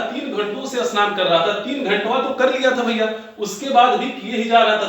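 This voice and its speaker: A man with a high, bright voice teaches a grammar lesson, talking straight to his viewers. He repeats each example patiently and spells out every step. The room around him rings with heavy echo. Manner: explanatory, repeats examples, addresses viewers directly. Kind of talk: Hindi-medium grammar lesson. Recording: very echoey room.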